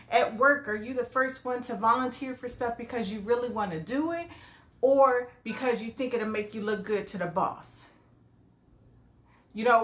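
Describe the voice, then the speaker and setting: A woman's voice: a little high, a bit bright, roomy sound. A woman life coach giving a casual live-streamed motivational talk, greeting viewers by name as she goes.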